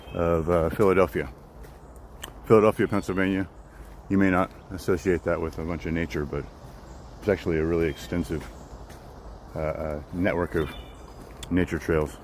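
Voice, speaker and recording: Male streamer on a hike, very low voice, rambling and chatty, light outdoor hiss behind. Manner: rambling, repeats words, greets chat by name. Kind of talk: casual live-stream chat while hiking. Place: outdoors on a wooded nature trail.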